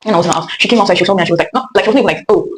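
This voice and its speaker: Rapid-fire young Nigerian woman. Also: medium pitch, slight background noise, poor audio. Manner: rambling, chatty, lots of fillers and restarts. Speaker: vlogger. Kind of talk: casual storytime monologue.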